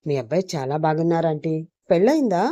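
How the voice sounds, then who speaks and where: A woman's voice: sits low, animated, fast talker, mellow, no echo. A woman voicing a polite, cheerful young working woman in a lightly raised voice.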